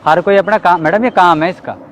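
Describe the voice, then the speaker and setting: A young man hosting a staged street skit, earnestly lecturing and pleading for calm, outdoors on a city street. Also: high voice, fairly quick, dull audio, a little hiss or hum. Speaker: prankster host of a street skit. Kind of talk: scripted street confrontation skit.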